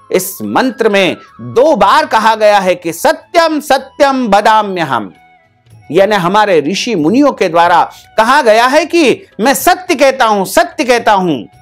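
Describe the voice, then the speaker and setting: A man's voice: sits high, a bit bright. A man as a spiritual teacher giving a devotional discourse, repeating phrases in a rhythmic, listing cadence. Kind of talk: devotional discourse with mantra chanting.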